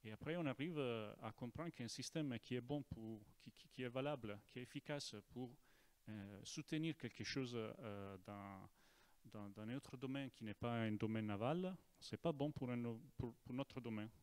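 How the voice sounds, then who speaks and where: An Italian man giving an informal presentation in broken French with an Italian accent, halting and repeating words as he goes. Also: mid-range voice, a little mellow. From Italy. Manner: broken, non-native French with grammar slips. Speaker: naval officer giving a presentation.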